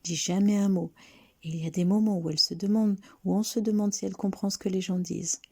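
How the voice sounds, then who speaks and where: A woman voicing a gossiping small-town neighbor who confides scandal in hushed, shocked tones. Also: medium pitch, steady tone, fast talker, slightly rough.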